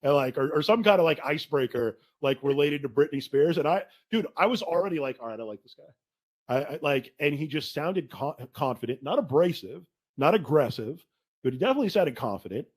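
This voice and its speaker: Animated storytelling podcast host, man. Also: a little high, brisk, slightly rough. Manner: animated storytelling, says dude a lot. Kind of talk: casual conversation.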